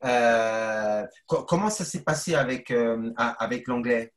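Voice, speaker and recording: A man's voice: mid-range voice, a little slow, echoey room. A man moderating a panel over a video call, stammering and repeating words as he asks questions.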